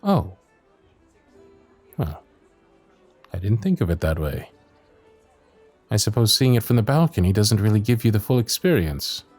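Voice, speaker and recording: Faint music plays behind a man whose lowish voice comes out very animated, a little slow and full of long pauses. He plays a gentle, dutiful young royal guard knight in a romantic fantasy audio roleplay, shy and explaining in soft, breathy, formal, courtly, hesitant speech.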